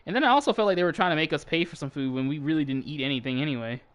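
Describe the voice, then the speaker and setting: A man's voice: fairly high pitch, rapid-fire, smooth. A young man casually telling a family story while he plays a game, laughing and swearing as he goes. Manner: animated, swears freely, laughs mid-story. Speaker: channel host.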